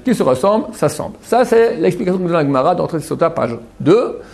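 A man giving a religious lesson to a class and taking questions, animated and often checking in with his listeners. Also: a little high, fast, gravelly. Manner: animated, keeps checking in with "d'accord?"; repeats and restarts words while explaining. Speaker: religious teacher.

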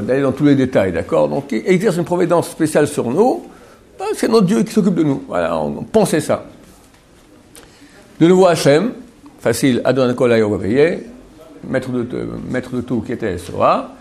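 A man teaching a religious class. He talks in a chatty way, checks often that the class follows, and slowly repeats words to show how they are said. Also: mid-range voice, sing-song, a little mellow. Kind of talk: Torah class on Hebrew pronunciation.

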